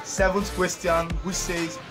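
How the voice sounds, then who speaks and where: A man's voice: high voice, level tone, measured pace. A young Nigerian man with a Nigerian accent, playfully quizzing the host with a teasing manner. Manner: teasing, keeps saying "you understand". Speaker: guest asking questions. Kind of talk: playful comic chat. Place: small indoor room before a patterned cloth. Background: music.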